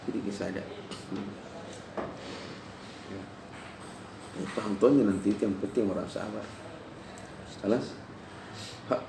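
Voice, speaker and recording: A man teaching Arabic grammar to a class in Indonesian, telling stories between points and often checking that students follow. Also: gravelly. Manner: digressive storyteller, drops his voice low, frequent checks "jelas?". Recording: roomy class recording from far off with faint noise.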